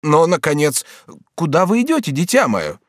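A man's voice: fairly high pitch, wildly swooping pitch, normal speed, dry recording, studio quality, voice pushed up. A man voicing a fretful, motherly older woman. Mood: anxious. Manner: anxious, fretful.

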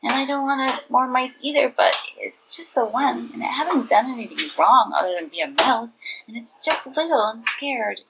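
A woman's voice: fairly high pitch, animated, moderate pace, gravelly, background noise, voice pushed up. A woman voicing a plaintive, tender-hearted young boy who wails and pleads. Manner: plaintive, wailing.

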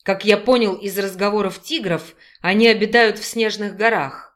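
A man's voice: high-pitched, normal speed, fairly bright tone. A woman doing a sullen, mocking werewolf man. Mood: curt. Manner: hissing through teeth, mocking. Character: sullen male werewolf wolf, mocking and cold.

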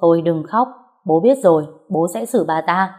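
A blustering older father-in-law, as a woman reading a story puts him on, barks his questions and threats. The voice stays near the reader's own low, mellow tone, just raised in anger. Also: normal speed, lightly acted. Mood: angry. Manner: shouting, blustering.

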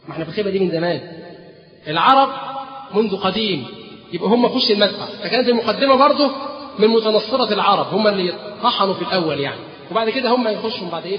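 A man's voice: high-pitched, rapid-fire. A man with an Egyptian accent giving a religious history lecture, telling the story and prompting his listeners with fill-in questions. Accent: Egyptian Arabic. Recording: dull, echoey hall recording.

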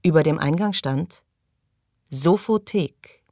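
A woman narrating an audiobook in calm, even storytelling, recorded close in a studio booth. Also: low-pitched, normal speed, no room sound. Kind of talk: scripted narration.

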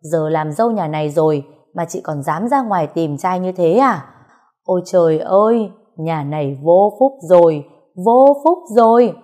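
A woman voicing an angry older mother-in-law who scolds in a loud, shrill, lamenting voice. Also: animated, normal speed, close to an everyday voice. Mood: furious lamenting.

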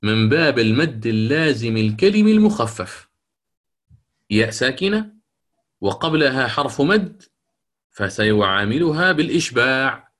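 A middle-aged man with a medium-pitched, fairly bright voice and big pitch swings lectures on the rules of Quran recitation. He poses questions and answers them himself, chanting verses slowly as examples.

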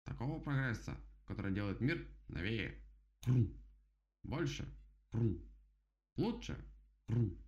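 A man voicing a pompous, bossy male beaver in a storybook, speaking slowly and self-importantly. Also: on the low side, lively intonation, a little mellow, close to an everyday voice. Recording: dull lo-fi audiobook recording.

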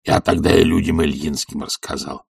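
A man voicing a devoted old male servant, hoarse and wheezing, with slow, mumbling speech. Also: very deep voice, level tone, distant mic, heavily acted. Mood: fussing. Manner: slow, mumbling, pious exclamations.

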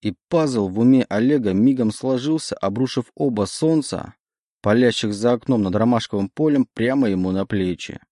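A man narrating a dark fantasy audiobook in a steady, measured way. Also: medium pitch, no room sound, studio quality.

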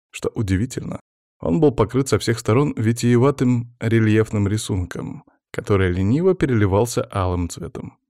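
A man reading a first-person fantasy audiobook in a measured, even manner. His voice is on the low side, and the recording is dry and close, with no room sound. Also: no echo. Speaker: audiobook narrator. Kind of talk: scripted first-person narration.

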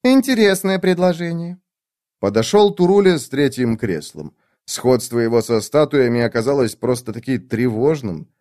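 A man narrating an audiobook in an expressive storytelling manner. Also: mid-range voice, normal speed, no echo, studio quality.

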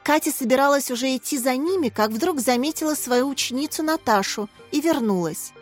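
A woman reading a children's storybook aloud in calm, expressive narration. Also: high-pitched, a little fast, soft background music. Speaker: audiobook narrator.

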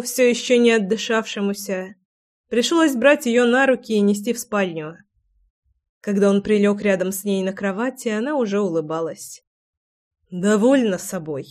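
A woman reading a romance novel aloud as narrator, with even, measured delivery. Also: a little high. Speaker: audiobook narrator.

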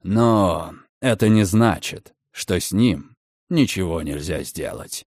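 A man voicing a sly, mocking gentleman who speaks in a low, quiet drawl. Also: expressive, slow pace, no echo, studio quality, full character voice. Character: mocking, menacing grown gentleman, sly and cold.

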